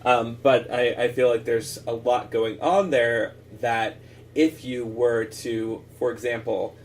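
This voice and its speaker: A man's voice: mid-range voice, fairly even intonation, slow pace, far from the mic. A man co-hosting a podcast, talking casually about books with restarts and fillers. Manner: reads a passage aloud expressively, then chats with many fillers and restarts. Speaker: podcast co-host. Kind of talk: casual book discussion.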